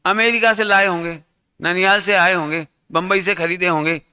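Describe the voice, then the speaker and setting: Male Jain teacher, higher-pitched, lively and interactive sermon delivery, acts out examples. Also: moderate pace, clean tone. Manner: animated, quizzes the audience, acts out scenes.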